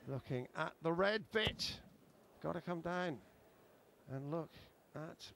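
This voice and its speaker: A man's voice: a little high, expressive, slow pace, vocal fry, a bit bright, a little hiss or hum. A man giving chatty, explanatory darts commentary as part of a broadcast.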